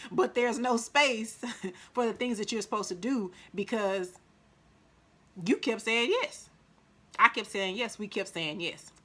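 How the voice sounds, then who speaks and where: Mississippi lady vlogging advice, sharp bright voice, chatty, jumps way up in pitch when she quotes people. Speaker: vlogger giving life advice. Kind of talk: casual motivational talk to camera.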